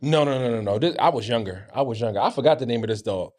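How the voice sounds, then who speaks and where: A man's voice: medium pitch, fast talker, darkish tone. A man co-hosting a casual podcast, telling candid, profane stories with many stammered restarts. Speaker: co-host.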